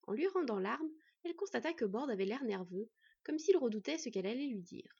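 Husky woman narrating a fantasy story. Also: a little high, animated, brisk, darkish tone. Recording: dull lo-fi recording.

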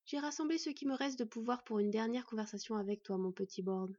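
A woman voicing a gentle dying elf mother who speaks softly and tenderly in a storybook reading. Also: fairly high pitch, a little fast, no room sound, highs cut off, close to an everyday voice. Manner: soft, tender, sing-song.

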